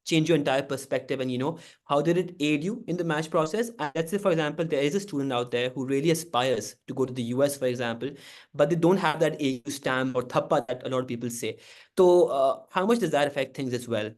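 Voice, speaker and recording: Young male podcast host. Slightly high pitch, winding questions, mixes in Urdu. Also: fast.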